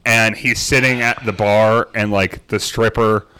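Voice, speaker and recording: Laid back guy co-hosting a podcast in a garage, kinda low voice, dry sound, just chatting. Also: fairly even intonation, measured pace, bright, forceful tone, clean tone, dry recording, low-quality recording. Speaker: podcast co-host. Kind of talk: casual chat. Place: in a home garage.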